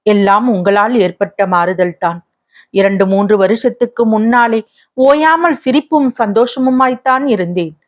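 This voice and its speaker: A woman's voice: medium pitch, normal speed, natural voice. A woman voicing a young lovelorn woman who is tearful and wistful, speaking in a plaintive, pleading tone, in a slightly muffled recording.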